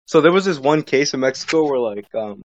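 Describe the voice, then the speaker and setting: A man in easy podcast chat tells a long, meandering story full of "like" and "bro." His voice sits at an ordinary pitch. The sound is dull and a bit lo-fi, with a dry, close feel. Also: animated, brisk, dry recording. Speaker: podcast co-host.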